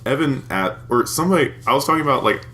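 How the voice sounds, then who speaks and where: A man's voice: mid-range voice, animated, quick pace, pushed and bright. A man in his twenties co-hosting a podcast, telling crude stories in a rambling, casual way and laughing often. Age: 20s. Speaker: podcast co-host. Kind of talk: casual chat.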